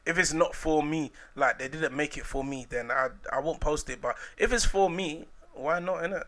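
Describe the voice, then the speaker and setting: Very bright-voiced London roadman. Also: fairly high pitch, moderate pace. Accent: London, urban street slang style. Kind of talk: casual confessional banter.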